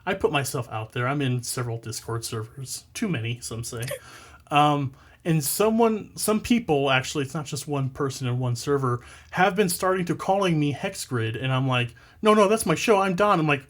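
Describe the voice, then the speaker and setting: Male podcast host, casual chat, self-deprecating humor, quick to laugh. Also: medium pitch.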